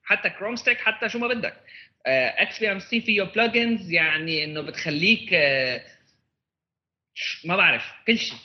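A man's voice: high-pitched, expressive, brisk, muffled recording. A man with a Levantine Arabic accent in a casual tech discussion, often repeating words as he searches for phrasing and mixing in English terms.

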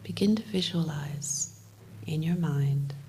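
A woman leading a guided meditation like a sleep story narrator, speaking gently in short, unhurried phrases with long pauses. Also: low-pitched, slight background noise, poor audio.

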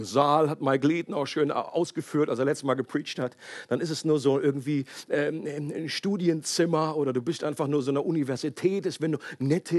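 A man preaches in German with a fairly high voice, caught dry and close with little room sound. He talks straight to his congregation, tossing them questions and slipping in English words. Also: dry recording. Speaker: pastor. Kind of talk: sermon.

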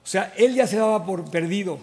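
A man preaches in a high, bright-edged voice. He reads scripture aloud and retells it with animated asides and frequent restarts. His voice carries a long reverb, as if from a church hall. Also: fairly quick. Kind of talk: sermon with Bible reading.

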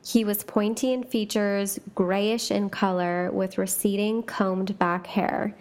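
A woman's voice: medium pitch, steady tone, slow, darkish tone. A woman hosting a chatty podcast, talking casually with lots of fillers and asides and reading ghost stories aloud. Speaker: podcast host.

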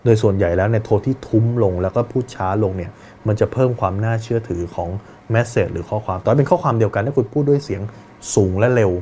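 In an instructional podcast monologue, a man hosting a business coaching show speaks straight to the listener and demonstrates different tones of voice. His voice is on the low side and dark, he talks quickly, and there's a little hiss or hum.

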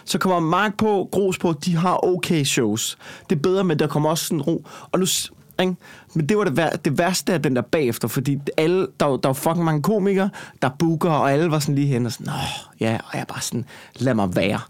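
A man, a stand-up comedian telling a story in casual conversation and swearing a lot. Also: on the high side. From Copenhagen. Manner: swears a lot, heated and animated when retelling.

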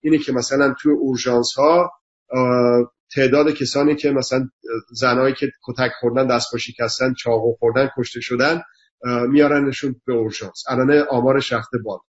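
A man's voice: mid-range voice, fairly even intonation. A man speaking earnestly on a talk show, lecturing through emphatic repeated lists. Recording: dull lo-fi sound.

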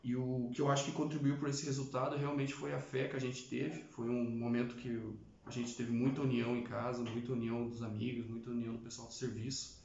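A young man telling his personal testimony in a halting, earnest way, with many restarts. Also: medium pitch, level tone, creaky, a little mellow, reverberant, lo-fi sound, a little hiss or hum. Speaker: testimony giver.

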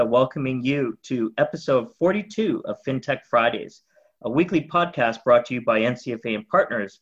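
A man's voice: medium pitch, lo-fi sound. A man hosting an interview podcast, talking casually with restarts and repeated words. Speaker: podcast host.

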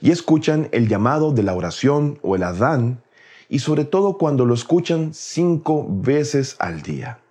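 A man giving a calm, measured explanatory talk on faith, speaking reflectively and addressing the listener directly. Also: mid-range voice, breathy edge.

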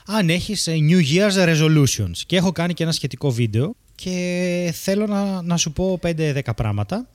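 A man's voice: high voice, dry recording. A man co-hosting a podcast, chatting casually and playfully. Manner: animated, playful, drops English phrases. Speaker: podcast co-host. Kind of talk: casual chat.

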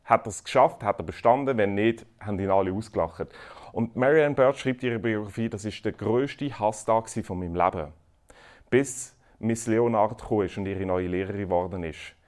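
A man preaching a sermon, swinging between loud emphatic lines and quiet earnest asides. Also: lowish voice, fairly quick.

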